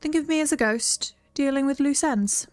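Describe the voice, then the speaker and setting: A woman voicing a calm, aloof undead witch in a video game, reading in a slow, measured, low voice. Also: no room sound, faint music behind, lightly acted. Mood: solemn.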